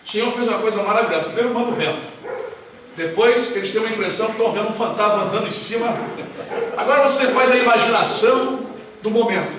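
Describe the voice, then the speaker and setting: A man's voice: high-pitched, fast talker. A man preaching a sermon as pastor, talking conversationally and often asking the congregation questions. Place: church hall with congregation. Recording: very echoey hall, voice far off, faint hiss.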